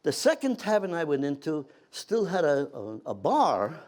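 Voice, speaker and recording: An elderly American man, in his eighties or older, reminiscing as an old war veteran in animated anecdotes, with halting restarts and acted-out dialogue. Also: fairly high pitch. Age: 80s or older.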